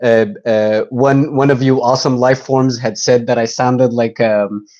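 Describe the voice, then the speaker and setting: A man's voice: mid-range voice, fairly even intonation, unhurried, darkish tone, dull audio. A young man giving a casual, joking live tour, talking in an easygoing, rambling way.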